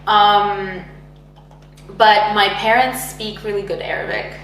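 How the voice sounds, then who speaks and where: Speaking slowly with fairly even intonation, a young Egyptian woman answers a casual oral history interview, full of filler words and soft laughs. Her voice is medium in pitch and fairly bright, and the audio carries roomy echo, distant miking and faint hum.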